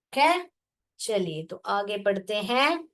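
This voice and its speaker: A woman teacher, explaining a lesson slowly in Hindi, spelling words out syllable by syllable and asking the class questions that she answers herself. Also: mid-range voice, big pitch swings, a bit bright.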